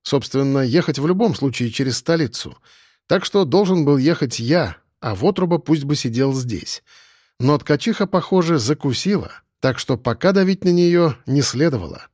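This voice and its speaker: A man's voice: fairly high pitch, lively intonation, moderate pace, darkish tone, dry recording, clean studio sound. A man reading a first-person audiobook as narrator, in a wry, matter-of-fact way.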